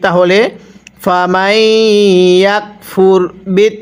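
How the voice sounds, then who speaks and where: A man with a Bangladeshi Bengali accent, teaching Quran reading by spelling out letters and reciting drawn-out words for learners to repeat. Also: high voice, level tone, clear, resonant tone.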